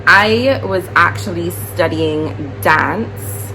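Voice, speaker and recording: A woman's voice: lowish voice, extremely slow, bright, forceful tone, slight background noise, poor audio. A Barbadian woman in her twenties, a teacher, chatting casually and rambling in a vlog with many fillers.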